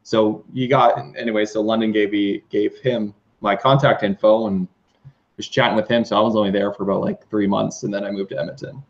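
A man's voice: lowish voice, fairly even intonation, brisk. A young man in his twenties, a radio DJ, chatting over a video call from his kitchen. He talks in an easygoing way, full of fillers. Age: 20s. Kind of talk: casual video-call chat. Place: kitchen, indoors. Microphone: webcam on a video call. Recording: dull lo-fi call audio.

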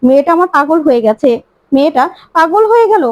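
A woman's voice: sits high, lively intonation, brisk, no echo. Woman doing a distraught mother. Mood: despairing. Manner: despairing, repeating herself. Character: distraught middle-aged mother. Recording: slightly muffled dry recording.

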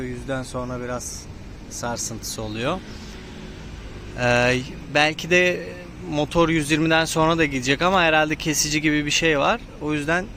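Clear vehicle and outdoor noise surrounds a man talking inside a helmet. His voice sits a bit high. He reviews in a casual, unscripted way, feeling out his explanations as he goes. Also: a bit bright. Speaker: motovlogger reviewing his motorcycle.

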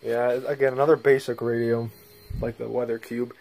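Recorded on a handheld phone in a small bedroom, this man's casual show-and-tell vlog has slight background noise and a rough quality. He's a hobbyist video presenter with a mid-range, creaky, slightly mellow voice, speaking at normal speed with a flat delivery as he rambles off the cuff.

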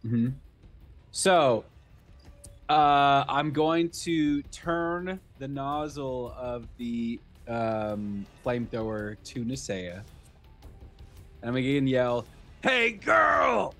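A man's voice: mid-range voice, drawn-out words, soft background music. A man playing in a tabletop game, casually laying out his moves step by step and swearing now and then. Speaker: player.

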